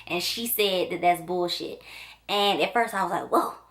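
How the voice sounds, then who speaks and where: A woman's voice: on the low side, normal speed, fairly bright tone. A woman chatting casually and enthusiastically to her camera as she reviews a book, with loose filler-heavy talk. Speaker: book vlogger. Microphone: camera mic.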